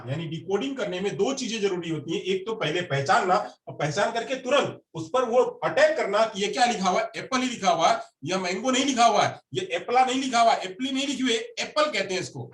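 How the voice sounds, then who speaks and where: High-voiced man lecturing a class. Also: expressive, a little fast, fairly bright tone. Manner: repeats phrases, quizzes the class. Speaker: teacher. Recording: roomy classroom recorded from a distance.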